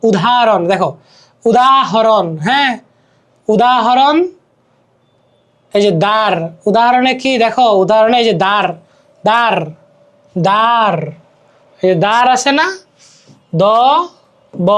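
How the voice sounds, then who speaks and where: A man's voice: very high voice, moderate pace, fairly bright tone, clean tone. A young man with a Bangladeshi Bengali accent teaching an exam-prep grammar lesson, explaining step by step and repeating words while asking checking questions. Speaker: tutor.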